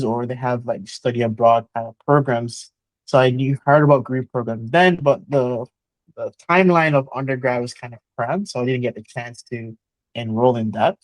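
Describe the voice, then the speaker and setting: A man's voice: medium pitch, dry recording, poor audio. Earnest man, dry close sound. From Jamaica. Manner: earnest, motivational, frequent "uh" and "so". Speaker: guest, chemical engineer. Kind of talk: conversational interview.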